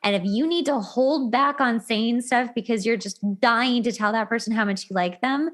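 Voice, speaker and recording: With a fairly high, fairly bright voice at normal speed, a woman hosts a casual podcast about relationship advice. Her anecdotes are emphatic and repetitive, and she acts out how people might react.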